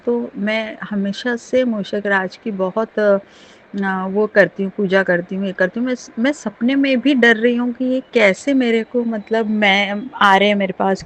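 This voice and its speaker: A middle-aged woman sharing a devotional testimony with her congregation, earnest and emotional, with many restarts and fillers. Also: medium pitch.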